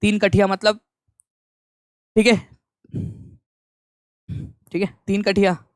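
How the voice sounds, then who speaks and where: A man's voice: high-pitched, flat delivery, slow, clear, resonant tone, no echo, clean studio sound. A young man teaching an online exam-prep lecture in a conversational way, repeating key points and mixing in English phrases.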